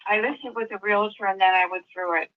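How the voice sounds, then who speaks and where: An older woman selling her house over the phone, answering plainly and slowly and often asking the caller to repeat himself. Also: medium pitch, steady tone. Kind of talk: phone conversation. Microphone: phone call. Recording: dull lo-fi phone line.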